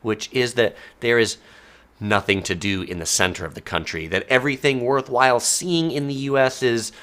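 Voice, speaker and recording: This American travel video host runs a casual live-stream talk on travel myths from Southern California, chatty and full of ums and uhs. His voice sits in the mid range at a normal speed, with a fairly bright tone.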